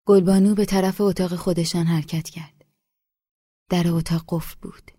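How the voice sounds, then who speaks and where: A woman audiobook narrator reading a literary novel in a calm, measured, low-key voice. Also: breathy edge, no echo. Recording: dry close studio.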